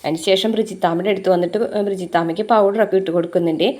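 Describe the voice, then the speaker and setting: A woman's voice: medium pitch, fairly even intonation, very fast, mellow. A woman casually recapping a TV serial episode, chatty and full of fillers. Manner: chatty retelling with frequent "uh" fillers.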